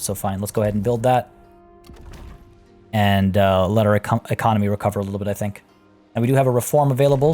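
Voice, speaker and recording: As a let's play host, a man casually talks through a strategy game, thinking aloud with fillers while faint game music plays. He is losing his voice, so his lowish, dark voice sounds slightly hoarse.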